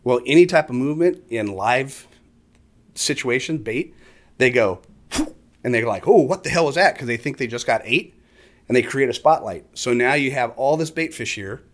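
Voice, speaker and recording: A middle-aged man, explaining fishing tactics in casual conversation as an animated storyteller who acts out other anglers. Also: medium pitch, moderate pace. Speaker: fishing guest expert. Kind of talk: casual chat.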